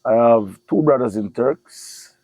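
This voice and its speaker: A middle-aged man, a football coach, chatting in an interview in a relaxed, hesitant way with many pauses. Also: medium pitch, breathy edge, no room sound, rough recording. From Jamaica. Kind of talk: casual interview chat.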